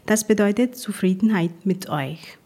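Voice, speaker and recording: A guest presenter from Punjab, Pakistan, whose first language is Punjabi, reads a prepared talk about her language. Her voice is medium-pitched and dark, and she speaks carefully and measuredly with small grammar slips.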